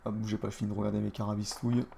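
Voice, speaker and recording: A man's voice: lowish voice, flat delivery, racing, vocal fry, warm tone, slight background noise. A man streaming a board game online, casually commenting and mocking the other players with crude trash talk, often muttering under his breath.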